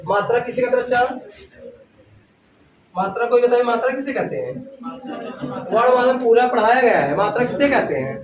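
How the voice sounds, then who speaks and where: A man teaches a crowded class, repeating his questions and calling on the students by turns. His voice sits very high and carries from a distance across the room. The classroom is echoey, and the students are heard clearly behind him. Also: expressive, normal speed, long pauses, crowd noise. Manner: repetitive questioning, keeps calling the students "bhaiya" and "children". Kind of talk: classroom lecture.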